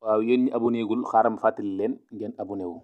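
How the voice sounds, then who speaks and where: A man teaching English phrases in Wolof, repeating each phrase slowly word by word. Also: fairly low pitch, fairly even intonation. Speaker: language teacher. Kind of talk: slow, deliberate English lesson in Wolof. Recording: dull lo-fi recording.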